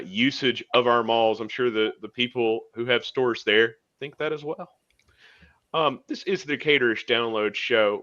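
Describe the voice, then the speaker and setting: A man hosting a talk show over a video call, chatty and relaxed, with a few fillers. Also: medium pitch, dry recording, muffled recording. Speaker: show host.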